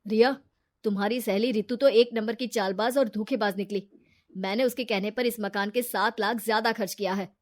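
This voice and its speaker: A woman's voice: mid-range voice, fairly even intonation, moderate pace, natural voice. A woman doing a blunt, stern young husband. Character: young married man, suspicious husband.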